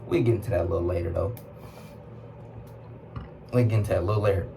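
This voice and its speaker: Southern us guy preaching from scripture, lowish voice, reads verses slow then breaks it down casual, bit of room noise. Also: creaky. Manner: asks rhetorical questions. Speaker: teacher.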